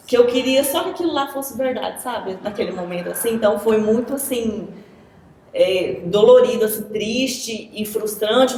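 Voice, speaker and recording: A woman's voice: fairly high pitch, darkish tone, a little hiss or hum. A young woman from Goiás, Brazil, giving an earnest personal testimony as an interview guest, full of "assim" and "sabe". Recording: echoey room.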